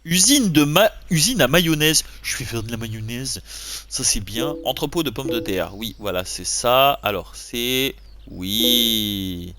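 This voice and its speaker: Jokey French gamer, lively voice. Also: male voice, mid-range voice, unhurried, no room sound. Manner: animated, jokey, swings between muttering and excited yelps. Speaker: gaming YouTuber. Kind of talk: let's play commentary.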